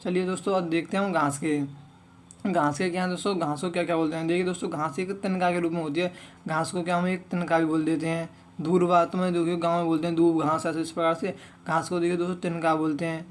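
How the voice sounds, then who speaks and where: High, flat-voiced man teaching a lesson. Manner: repetitive, keeps saying "friends" and "okay"; reads word lists slowly, one word at a time. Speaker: exam-prep teacher. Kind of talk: online Hindi lesson.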